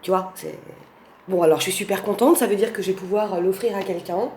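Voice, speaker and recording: A woman's voice: medium pitch, steady tone, brisk, a little mellow. A woman with a Portuguese accent speaking French, gushing over oracle cards in a casual vlog, full of fillers and restarts. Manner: effusive, many fillers and restarts. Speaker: oracle card reviewer. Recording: roomy home recording with faint background noise.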